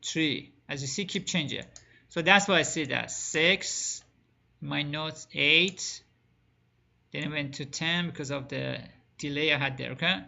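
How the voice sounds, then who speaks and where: A man's voice: on the high side, unhurried, creaky, bright, forceful tone, dull audio. A man teaching a screen-recorded networking lesson, asking the class questions and answering them himself, with small grammar slips. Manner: plain spoken with non-native grammar slips. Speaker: networking instructor.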